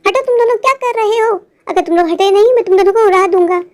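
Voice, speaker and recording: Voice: very high voice, quick pace. A performer voicing an aggressive grown man in a cartoon who threatens two children from his car. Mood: furious. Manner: shouting threats, counting down. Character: furious aggressive adult male driver, threatening.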